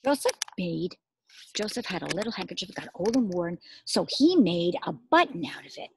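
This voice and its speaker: Outdoors among trees and shrubs, a middle-aged woman teacher reads a picture book aloud to young children, expressive as she asks questions and pauses for their answers. Her voice is on the low side and creaky. The recording is low-quality with slight background noise.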